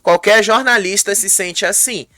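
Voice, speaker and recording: An entertainment journalist from Brazil recapping reality show drama in a chatty way, acting out the quotes and tagging lines with quick asides. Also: medium pitch, pushed and bright, dry recording, clean studio sound. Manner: retells dialogue, acting out the quotes; conversational, tags lines with "tá?".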